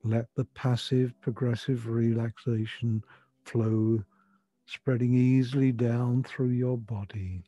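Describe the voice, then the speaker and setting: An older man with a soft, breathy voice gently guiding a breathing and relaxation meditation in soothing, measured instructions. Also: mid-range voice, level tone, no room sound. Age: 60s or older. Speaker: relaxation therapy guide. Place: furnished room at home. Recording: dull lo-fi sound, music behind. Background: music.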